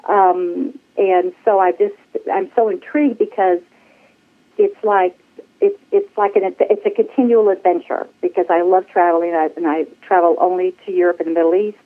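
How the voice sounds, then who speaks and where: In a lowish voice with a steady tone at normal speed, a woman in her sixties from the United States talks casually as an interview guest. She comes across as bubbly and laughs a lot. The call audio is thin and tinny.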